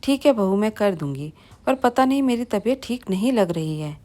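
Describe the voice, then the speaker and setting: A meek old mother-in-law, unwell and hesitant, voiced in a plain storybook reading by a woman. Her voice sits at a middling pitch and asks rather than demands. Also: lively intonation, moderate pace, warm tone, natural voice. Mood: pleading. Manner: hesitant, pleading.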